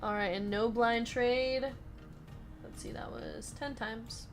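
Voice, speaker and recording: High-voiced woman hosting a card-break stream. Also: steady tone, slow, faint music behind. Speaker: host of a live sports card break stream. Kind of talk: casual live-stream chat while opening card packs.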